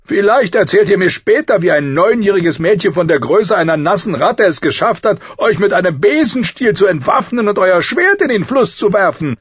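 A man's voice: sits high, expressive, moderate pace, hardly any pauses, breathy edge, no echo, voice pushed up. A man voicing a mocking, amused young lord who speaks with sly, teasing sarcasm. The recording sounds slightly dull.

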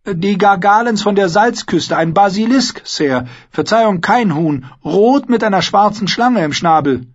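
A man's voice: high voice, expressive, voice pushed up. A man voicing a nervous, eager young male squire who talks shyly and hurriedly, in a storybook reading. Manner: shy and hurried, gaining confidence. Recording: dull lo-fi audiobook recording.

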